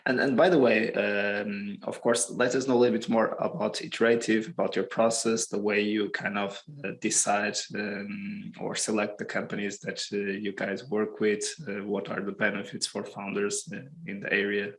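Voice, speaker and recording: A man's voice: fairly low pitch, little pitch movement, normal speed, hardly any pauses, poor audio. A man hosting a business podcast, asking questions with fillers and repeated words. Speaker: podcast host. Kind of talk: podcast interview.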